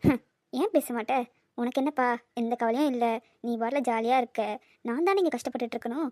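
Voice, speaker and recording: A woman's voice: fairly high pitch, brisk, a little mellow, no echo, studio quality, close to an everyday voice. A woman voicing an anxious young woman who scolds and worries about her marriage in a cartoon. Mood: sulky. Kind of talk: Tamil cartoon dubbing.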